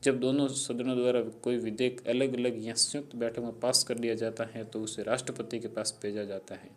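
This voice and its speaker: A man narrating a civics explainer in a monotone reading style, with small slips now and then. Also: medium pitch, normal speed.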